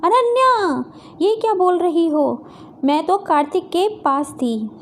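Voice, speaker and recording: A woman's voice: high voice, measured pace, darkish tone, a little hiss or hum. A woman voicing a meek, dutiful young daughter-in-law who speaks politely and worriedly. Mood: protesting.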